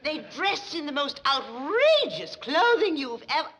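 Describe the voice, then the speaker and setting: A woman's voice: high-pitched, sing-song, measured pace. A woman playing a snobbish, gushing, middle-aged banker's wife in a 1960s TV sitcom, with a haughty, affected grande dame delivery. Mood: haughty, indignant. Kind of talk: 1960s television sitcom acting. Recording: noisy old television soundtrack.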